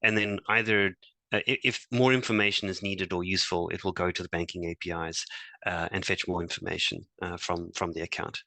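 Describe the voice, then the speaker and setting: A man presenting a software demo to fellow engineers, talking hesitantly with many fillers and restarts. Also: low voice, fairly even intonation, fairly quick, creaky, no room sound. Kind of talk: technical demo talk.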